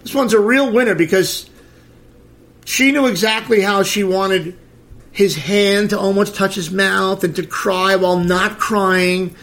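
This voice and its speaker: This podcast host, a middle-aged man, delivers blunt celebrity gossip with crude sarcasm. He talks a little slowly in a high, slightly bright voice with fairly even intonation.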